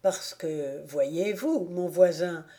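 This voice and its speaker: A jovial village clarinet player from a storybook, hearty and speechifying, as read by a woman narrator. The voice stays close to the reader's own mellow, warm tone. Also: on the low side, slow.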